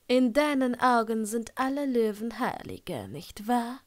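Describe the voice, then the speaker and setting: A woman voicing a curt, sardonic middle-aged male potions master, slow and clipped in a fan-fiction audiobook. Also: on the high side, very animated.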